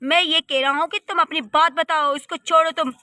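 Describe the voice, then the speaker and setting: Woman doing a commanding young cartoon father, high bright voice, dry sound. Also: steady tone, normal speed, dry recording. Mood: firm. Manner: firm, commanding. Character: stern young husband and father, man. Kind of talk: cartoon story voice acting.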